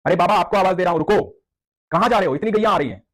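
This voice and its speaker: A man's voice: sits high, rapid-fire, a bit bright, pitched above the performer's own voice. A man voicing a playful, caring cowherd boy of about ten who coaxes and pleads in a storybook tale. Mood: coaxing. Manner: coaxing, pleading.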